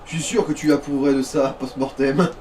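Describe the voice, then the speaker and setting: Speaking at medium pitch with a steady, darkish tone and brisk pace, a man provides joking, crude and mocking commentary as a let's play co-commentator. He sounds distant from the microphone, with faint noise in the recording.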